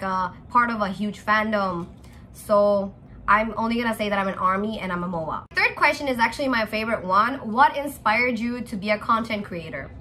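Bright, giggly young woman vlogging. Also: a little high, a little hiss or hum. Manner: chatty and giggly, lots of "like" fillers; self-mocking and playful. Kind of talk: casual chat vlog. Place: at home indoors.

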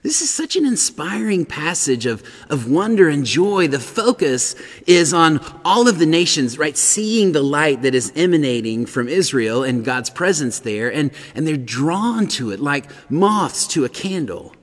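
Man, middle-aged, pastor, sermon, unhurried delivery, long church reverb. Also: a little high, big pitch swings. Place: large empty church sanctuary.

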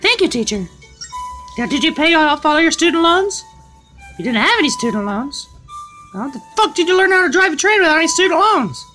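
A man reading game dialogue in a high falsetto as a bossy, sly young princess, tossing in swearing asides. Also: very animated, fairly quick, bright, forceful tone, faint music behind, exaggerated voice. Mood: playful regal.

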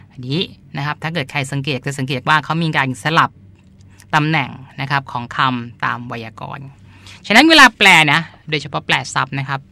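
His voice is a little high, gravelly, bright, and forceful. As a podcast host and translator, he chats casually, explaining terms and often restating them with polite particles.

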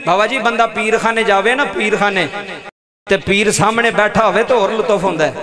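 A man's voice: sits high, a little fast, echoey room. A man preaching an emotional sermon to a gathering, calling on the listeners to answer him. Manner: impassioned, calls on the audience to answer. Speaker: Islamic preacher. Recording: live event with crowd noise.

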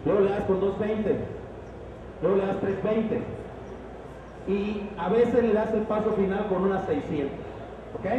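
A man's voice: sits high, muffled recording. A middle-aged man giving a live product demonstration into a handheld microphone in a large roofed expo hall, explaining step by step and often checking with the crowd. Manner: explanatory, asks the crowd frequent checking questions. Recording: echoey hall, distant camera, crowd noise.

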